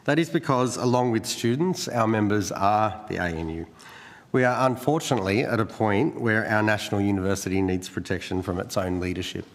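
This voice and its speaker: Aussie guy, union official, kinda low voice, formal prepared statement, lots of room reverb. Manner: formal, measured. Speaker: union division secretary. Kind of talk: prepared opening statement to a parliamentary committee. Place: committee hearing room. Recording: echoey hearing room with long reverb.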